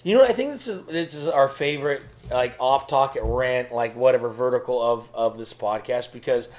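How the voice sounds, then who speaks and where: A man's voice: mid-range voice, brisk, darkish tone. A man in his thirties co-hosting a podcast in casual banter, rambling emphatically, repeating himself and swearing freely. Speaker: podcast co-host.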